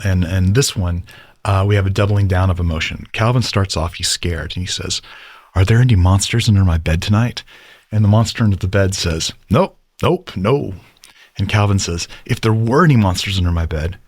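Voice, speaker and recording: A man's voice: on the low side, dry recording, clean studio sound. A man teaching about storytelling in a casual lecture, rambling and enthusiastic with lots of fillers.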